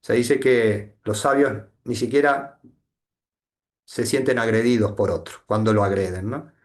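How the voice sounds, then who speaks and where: A man from Argentina with an Argentine accent, giving a reflective satsang talk with a reading, often pausing and adding tag questions. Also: mid-range voice, fairly even intonation. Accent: Argentine Spanish. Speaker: spiritual teacher.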